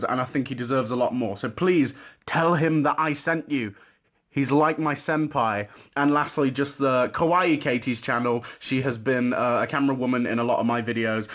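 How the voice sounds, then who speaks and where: A young male YouTuber gives crude, mocking commentary with a sarcastic bite. His voice has a mid-range pitch and a bright, forceful edge. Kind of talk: comedic top-five commentary.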